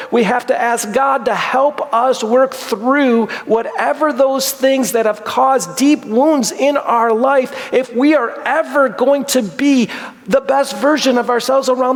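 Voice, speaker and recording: A man preaching a sermon in a church sanctuary, his voice pitched high for a man and carrying a gravelly edge. He speaks earnestly in a repetitive preaching cadence. Long hall reverb trails behind his words. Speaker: pastor.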